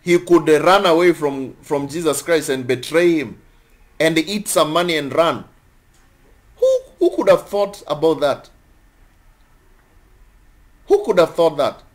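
A young man with a notably high-pitched voice delivers a sermon. He talks in an animated way, repeating his phrases and stopping to chuckle between points. His rhetorical questions keep the teaching moving. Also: unhurried, long pauses. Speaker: preacher.

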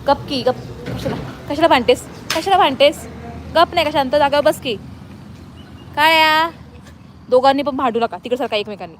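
A woman's voice: sits high, moderate pace, long pauses, a little hiss or hum. A woman vlogging outdoors, coaxing and scolding her pet dogs in a casual way.

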